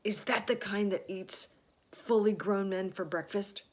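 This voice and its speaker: A woman voicing a pompous, easily alarmed man who heads the fire department, blustering loudly. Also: medium pitch, lively intonation, takes it slowly, pitched above the performer's own voice.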